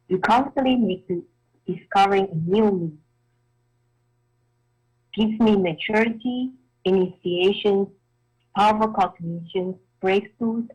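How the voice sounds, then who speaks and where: A woman recites a grateful devotional testimonial in short, list-like phrases. Her voice is husky and a little breathy, at an ordinary pitch for a woman. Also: rough recording.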